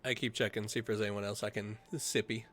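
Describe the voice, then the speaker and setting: A man's voice: fairly low pitch, steady tone, quick pace, fairly bright tone. A man streaming a game live, chatting playfully with his chat, swearing and joking at himself. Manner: playful, self-mocking, swearing, greets chat. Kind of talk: casual live gameplay chat.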